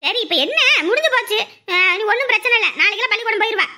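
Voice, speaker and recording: A woman playing a protective grandmother who bickers and scolds in quick, sharp talk. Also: very high-pitched, lively intonation, heavy background noise. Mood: scolding. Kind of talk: family drama acting.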